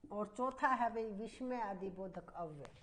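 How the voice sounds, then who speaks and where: A woman's voice: medium pitch, animated, measured pace, fairly bright tone. A woman teaching a grammar lesson for exam students, explaining at length and repeating points, often calling her students "bhai".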